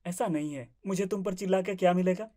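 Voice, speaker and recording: A woman's voice: fairly low pitch, fast, warm tone, natural voice. A woman voicing a shy young husband who grumbles and tries to placate his wife. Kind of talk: family drama acting.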